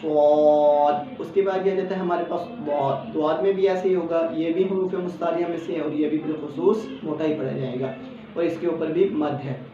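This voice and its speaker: A man with a Pakistani Urdu accent teaching Quran letter pronunciation, patiently explaining each letter and then saying it slowly as a model. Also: fairly high pitch, fairly even intonation, soft background music. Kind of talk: step-by-step pronunciation lesson. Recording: echoey, distant, dull lo-fi sound with faint background hum.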